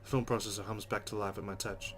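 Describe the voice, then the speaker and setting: With a fairly low pitch and a quick pace, a let's play host reads visual novel narration and reacts casually between lines. The recording has steady, loud background noise.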